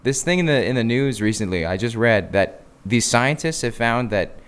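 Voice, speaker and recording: A man's voice: mid-range voice, expressive, normal speed, clear, resonant tone. A young man co-hosting a podcast in casual chat, rambling with lots of fillers and frequent laughter. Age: young adult. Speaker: podcast co-host.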